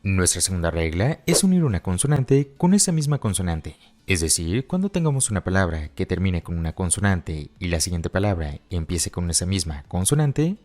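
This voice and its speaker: A man explaining pronunciation rules as a teacher in patient, step-by-step scripted narration, slowing down to model example phrases. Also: low-pitched, a little mellow. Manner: models English phrases slowly. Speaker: English teacher.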